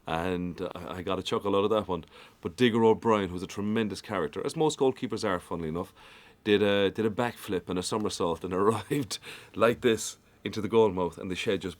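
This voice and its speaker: A man's voice: low-pitched, brisk, hardly any pauses. Wry man telling stories. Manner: wry, anecdotal. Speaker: interviewee. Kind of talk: reminiscing storytelling.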